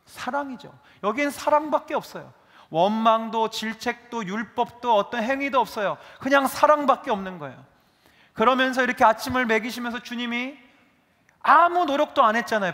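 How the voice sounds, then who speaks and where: A male pastor preaching a sermon, lively, acting out quoted dialogue as he goes. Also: very high voice. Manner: animated, acts out dialogue in his telling. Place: church sanctuary. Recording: reverberant church hall.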